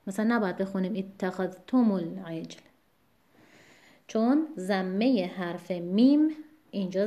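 Woman teaching Quran recitation, mellow voice. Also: mid-range voice. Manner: explains calmly, then slowly recites each example. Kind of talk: explanatory lesson with slow recited examples.

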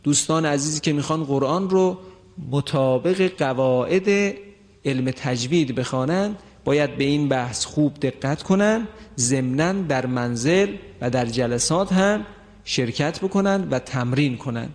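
A man's voice: a little high, animated, in a large hall. A man teaching an introductory class on Quran recitation rules, explaining step by step and asking questions he then answers himself.

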